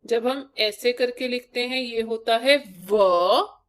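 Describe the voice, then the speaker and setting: A woman's voice: fairly high pitch, slow pace. A woman teacher giving a primary-school lesson, sounding out letters one at a time for young children.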